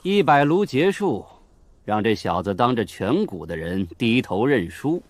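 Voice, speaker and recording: A man's voice: mid-range voice, sing-song, a little slow, no room sound. An actor voicing a smug male elder of a rival sect, mocking and sneering.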